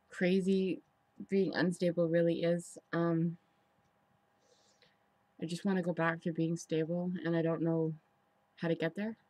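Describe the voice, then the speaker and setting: A woman giving a candid, rambling confessional vlog, sounding frustrated and halting as she talks indoors. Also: fairly low pitch, darkish tone, no room sound. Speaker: personal vlogger. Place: indoors in an apartment.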